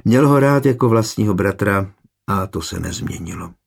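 A man with a gravelly, husky voice reading a historical novel in measured, even narration. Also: on the low side. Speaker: audiobook narrator. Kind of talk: scripted narration.

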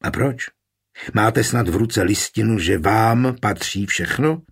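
Man doing a plump, shrewd town burgomaster, husky and unflappable, in a storybook reading. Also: on the low side. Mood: calm. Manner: composed, sly, lawyerly. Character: shrewd, calm, short plump male burgomaster. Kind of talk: audiobook character voice.

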